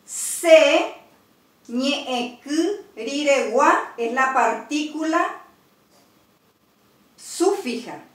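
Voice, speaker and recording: A woman teaches in a high voice, unhurried and deliberate, pausing to spell out each word. She sits back from the mic, and the room around her rings with a roomy echo. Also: fairly bright tone. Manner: slow, deliberate, spelling out words. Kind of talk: Guarani grammar lesson. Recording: roomy, from a distance.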